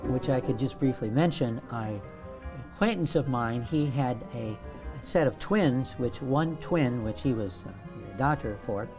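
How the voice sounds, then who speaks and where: A man as an interview guest, explaining at length in a measured, lecturing way and stressing key words. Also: mid-range voice, music in the background. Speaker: guest author.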